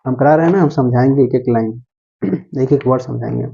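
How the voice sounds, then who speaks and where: A man teaching English grammar from Hindi, slowly repeating each phrase and checking in with the listener. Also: mid-range voice, vocal fry, warm tone, husky, highs cut off.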